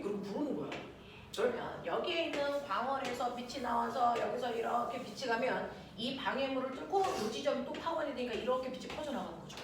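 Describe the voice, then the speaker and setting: A woman teacher giving a lively physics lecture, often checking that her students follow along. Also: high voice. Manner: animated, keeps checking in with students. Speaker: science teacher. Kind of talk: classroom lecture. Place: classroom. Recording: echoey room from far off, faint noise.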